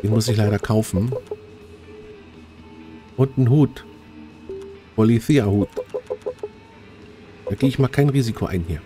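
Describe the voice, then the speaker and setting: A man giving chatty, casual commentary while playing a game, talking straight to his viewers and getting easily excited. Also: on the low side, unhurried, long pauses, music in the background. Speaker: let's play host.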